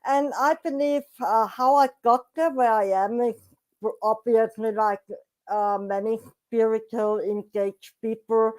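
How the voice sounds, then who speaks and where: Woman, Austrian German accent, middle-aged, interview guest, slow, halting, searching for words. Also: fairly high pitch, steady tone, darkish tone, rough recording. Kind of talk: casual interview chat.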